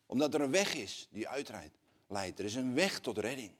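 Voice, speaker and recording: A male preacher delivering a sermon in an ordinary mid-pitched voice. He drops to hushed, slow, earnest passages, then climbs into loud, rising appeals. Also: sing-song.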